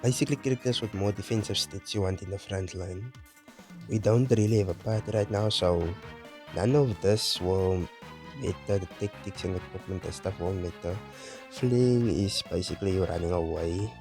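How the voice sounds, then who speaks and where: A man giving casual let's play commentary, explaining things in a relaxed, rambling way. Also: low-pitched, moderate pace. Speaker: gaming channel host. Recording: game music playing loudly. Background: game music.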